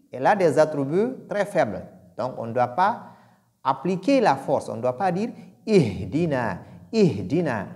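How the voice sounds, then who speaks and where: A male recitation teacher talks at a slow, unhurried pace. His pitch rises and falls in a lively way as he explains each sound. He repeats each syllable deliberately so listeners can copy it. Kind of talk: pronunciation lesson.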